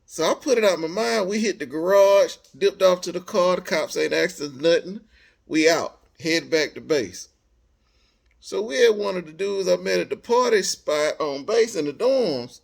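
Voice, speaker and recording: Here an American man with a high, creaky voice speaks at normal speed while casually relating a personal story. He sounds animated, leans on slang, and plays out bits of the dialogue himself.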